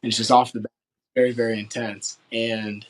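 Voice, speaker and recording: A man's voice: mid-range voice, little pitch movement, brisk, poor audio. A man in his late teens from West Virginia, answering interview questions in an earnest, rambling way full of filler words. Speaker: football recruit interviewee.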